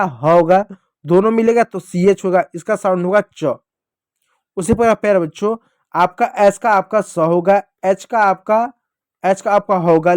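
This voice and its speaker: Guy teaching kids english, pretty high voice, slow repeat-after-me drills, dry room. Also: darkish tone, no room sound. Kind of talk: classroom-style teaching lesson.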